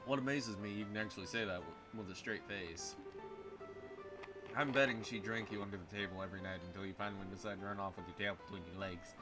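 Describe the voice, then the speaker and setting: A man's voice: fairly low pitch, steady tone, quick pace, music in the background, pitched below the performer's own voice, natural voice. Man reading a sarcastic young heroine. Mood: teasing. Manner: sarcastic, teasing. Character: blunt teasing young woman adventurer.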